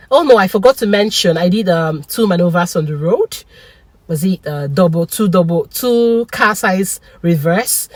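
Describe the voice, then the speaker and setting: Woman, excitable storyteller, laughs a lot, dry close sound. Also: on the low side, dry recording. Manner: animated, excitable, laughs often. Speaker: vlogger. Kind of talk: casual storytelling vlog.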